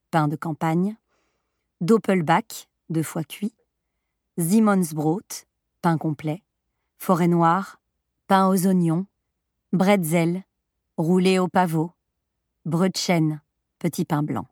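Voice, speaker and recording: A woman narrating an audiobook with an even, measured reading. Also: on the low side, dry recording, studio quality. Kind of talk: scripted narration.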